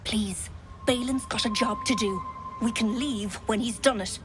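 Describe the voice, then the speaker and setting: A woman's voice: on the high side, measured pace, over music, close to an everyday voice. Woman playing a bitter, scornful old wife. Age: elderly. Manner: scornful, dry. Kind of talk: video game acting.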